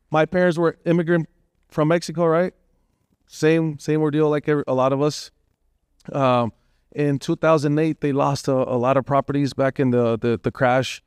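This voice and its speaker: A man's voice: a little high, darkish tone, smooth, no echo, clean studio sound. A man whose first language is Spanish, from Las Vegas, speaking on a panel in a heartfelt, emotional way and dropping in Spanish phrases. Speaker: real estate agent on a panel. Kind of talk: panel discussion.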